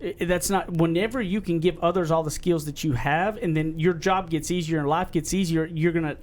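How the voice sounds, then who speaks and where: A man's voice: a little high, steady tone, brisk, a little mellow. Earnest, rambling man podcaster. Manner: rambling, earnest, self-described redneck voice. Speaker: podcast co-host. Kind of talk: casual podcast chat.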